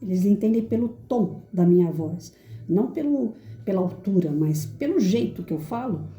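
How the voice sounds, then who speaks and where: A middle-aged woman teacher giving a reflective talk to an audience in a firm, clear voice that carries. Now and then she acts out quoted lines in sudden high, shrill voices. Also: animated, normal speed, dark tone, echoey room. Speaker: teacher and educator.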